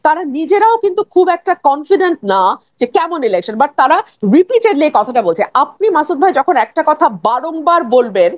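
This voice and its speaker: Woman arguing politics on a talk show, very animated, dry lo-fi audio. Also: high voice, fairly quick, no room sound. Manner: forceful, argumentative, mixes English phrases.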